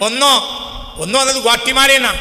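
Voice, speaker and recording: Malabar-accented male preacher, high and piercing, quizzing the crowd; echoey hall, long reverb. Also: steady tone, quick pace, sharp tone. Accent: Malabar Malayalam. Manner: asks the audience questions and presses them to answer. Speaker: Islamic preacher. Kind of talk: sermon.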